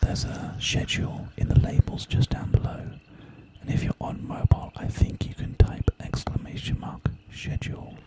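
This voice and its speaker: A man whispering casually and reassuringly as an ASMR live streamer, chatting unhurriedly with his viewers. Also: moderate pace.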